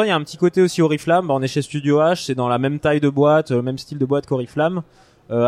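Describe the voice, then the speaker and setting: A man's voice: mid-range voice, darkish tone, smooth, no echo. A man giving a casual board game review as a podcast panelist, searching for his words as he explains.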